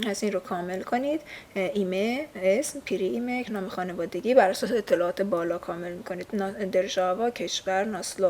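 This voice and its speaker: The recording carries a faint hiss or hum as a woman with a medium-pitched, darkish voice and a Persian accent teaches a language lesson from a textbook. It's a casual recorded session, and she explains patiently while using many fillers.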